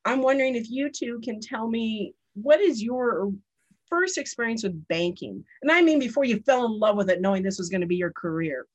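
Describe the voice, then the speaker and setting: A chatty woman in her fifties hosts a podcast, slipping easily into personal stories. Her voice sits a little higher than most. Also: lively intonation, normal speed, muffled recording. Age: 50s. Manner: chatty and storytelling. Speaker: podcast host. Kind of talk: casual podcast interview.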